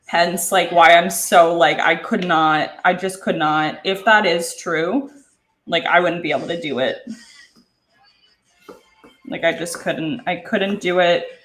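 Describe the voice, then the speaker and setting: Canadian girl cooking and rambling, swears a lot, slow talker, kinda echoey room. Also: on the low side, a bit bright, soft background music. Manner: rambling, filler-heavy, swears casually. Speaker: cooking vlogger. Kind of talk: casual chat while cooking. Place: home kitchen.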